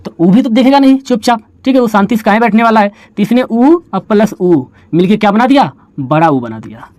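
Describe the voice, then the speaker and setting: In a dry recording with the highs cut off, this Hindi teacher speaks a little fast, his high, darkish voice full of lively intonation. At the board he questions and answers himself call-and-response fashion, telling playful stories about the letters.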